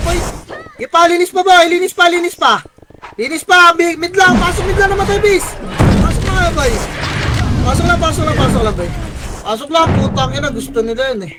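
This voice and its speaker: A young man with a very high voice leads his guild over voice chat during a live game. He barks short orders again and again, counts down pushes and swears often. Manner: rapid repeated commands, frequent cursing. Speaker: guild shot caller.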